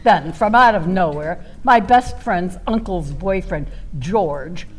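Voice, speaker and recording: In a comic radio monologue, a woman with a lowish, animated voice plays a flamboyant, self-dramatizing storyteller, wry and flirtatious. She stretches out words theatrically, filling her melodramatic delivery with pauses, sighs and exclamations, and the recording is rough.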